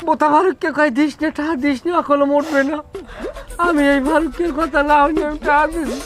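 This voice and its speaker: A man with a Barishal accent playing a hot-tempered young village film hero, melodramatic and shouting insults. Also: extremely high pitch, flat delivery, brisk, over music. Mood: boastful. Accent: Barishal Bengali.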